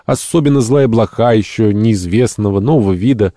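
A man's voice: fairly low pitch, moderate pace, dark tone, no room sound, studio quality, voice pushed up, natural voice. A man voicing an irritable, eccentric middle-aged male entomologist who speaks in a fussy, pedantic, indignant way, raising his voice.

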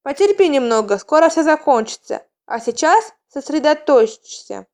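A woman's voice: sits high, very animated, moderate pace, darkish tone, voice pushed up. Young male cat healer, storybook, caring and soothing, voiced by a woman. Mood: reassuring.

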